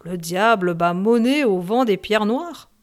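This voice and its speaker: A woman's voice: medium pitch, lively intonation, a little slow, natural voice. A woman doing a sailor muttering under his breath. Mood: hushed. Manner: hushed murmur. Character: superstitious male sailor, muttering darkly.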